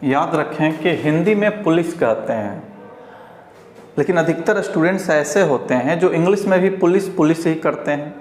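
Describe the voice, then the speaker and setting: Man teaching pronunciation, Bihari Hindi accent, slightly high voice, repeats each word slowly, echoey room. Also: lively intonation. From India. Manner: explaining slowly, repeating words for learners. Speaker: English teacher. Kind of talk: pronunciation lesson.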